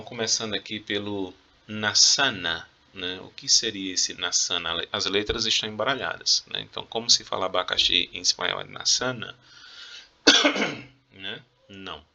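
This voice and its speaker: Coughing from time to time, a man with a Brazilian Portuguese accent teaches his students a relaxed, jokey Spanish review lesson. His voice is low-pitched and gravelly, with a sharp tone.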